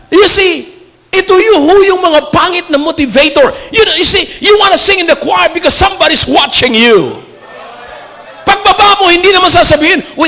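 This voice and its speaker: A Filipino man preaching a sermon in a church, mixing English and Tagalog, joking and shouting key lines for emphasis. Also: extremely high pitch, big-room sound. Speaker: pastor.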